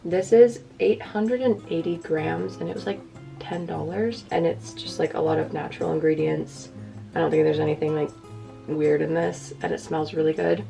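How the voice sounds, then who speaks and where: A young woman with a raspy, warm, fairly low-pitched voice rambles casually and self-deprecatingly to the camera as a lifestyle vlogger.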